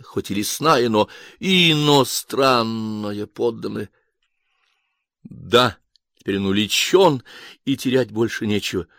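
A man narrating an audiobook in a lively, theatrical reading. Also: fairly low pitch, dry recording, studio quality.

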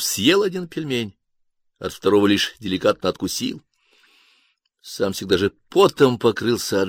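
A man narrating an audiobook in a lively, theatrical reading. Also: fairly low pitch, dry recording, studio quality.

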